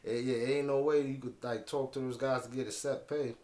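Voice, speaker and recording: A man hosting a podcast in casual chat, slangy and quick to laugh, saying "yeah" over and over. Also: medium pitch, steady tone, darkish tone, roomy sound. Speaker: podcast host.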